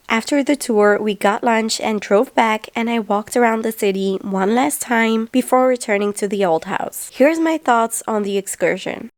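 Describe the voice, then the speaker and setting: A woman narrating a travel vlog, chatty and enthusiastic as she explains and recaps her experiences. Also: fairly high pitch. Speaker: travel vlogger.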